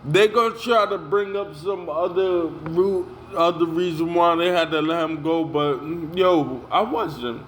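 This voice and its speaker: A man's voice: a little high, unhurried, few pauses, a little hiss or hum. A young man telling a heated story about being pushed out of a job, in a casual rant full of slang and repeated "yo". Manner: heated, repetitive, street slang, says "yo" a lot.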